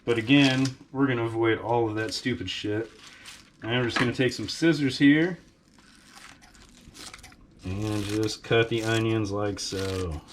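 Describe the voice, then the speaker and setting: His voice is lowish and measured, with frequent pauses, over a noisy background. He's a sarcastic man who swears heavily, running a casual cooking vlog and demonstrating as he works in his home kitchen.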